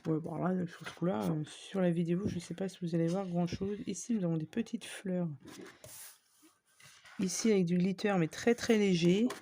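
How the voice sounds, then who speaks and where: A woman's voice: fairly low pitch, fairly even intonation, normal speed, mellow, a little hiss or hum. A woman chatting casually to viewers as she shows off craft supplies she bought, with lots of fillers and small asides. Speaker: scrapbooking vlogger. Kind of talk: casual shopping haul show-and-tell.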